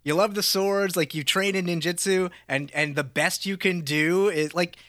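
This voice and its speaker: An animated man with a bright, slightly high voice, eagerly chiming in during a podcast chat. He corrects others and piles on details. The sound is dry and close. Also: normal speed, dry recording. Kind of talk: casual chat.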